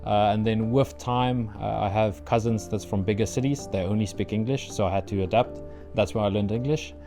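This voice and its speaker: A young South African man, whose first language is Afrikaans, answers interview questions about his PhD in an earnest, measured manner, often using fillers. His voice sits fairly low with fairly even intonation, and music plays in the background.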